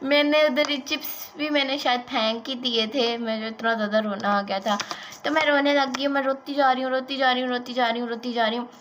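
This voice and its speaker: A woman telling a childhood story in an animated, chatty vlog style, dropping in English words. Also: sits high, slight background noise. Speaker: vlogger.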